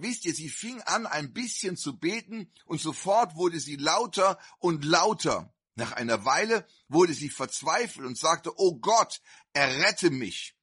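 A man delivers a fervent sermon at a slow, deliberate pace. His voice is fairly high and bright, with a husky edge, and it swings widely in pitch as he builds emphasis. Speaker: preacher. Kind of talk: sermon with storytelling and prayer.

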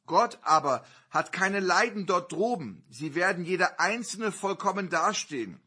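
A man preaching a sermon, telling a personal story earnestly with sudden loud surges. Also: high voice, lively intonation, unhurried, breathy edge.

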